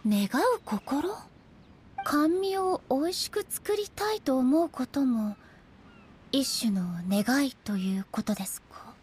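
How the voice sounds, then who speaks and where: A woman playing a regal, solemn female shogun and swordswoman in a game, speaking formally and with measured stateliness. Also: high voice, expressive, a little mellow, slight background noise. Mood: earnest, thoughtful. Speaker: voice actor. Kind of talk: Japanese anime-style game character voice lines.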